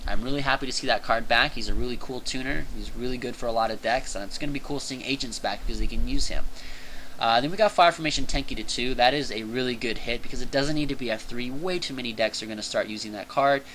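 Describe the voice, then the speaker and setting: A young man casually talking through a card game list for his channel, excitable and chatty, peppering his talk with "dude" and "like". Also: mid-range voice, fast talker, slight background noise, poor audio. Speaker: channel host reviewing card game banlist. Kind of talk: casual enthusiastic commentary.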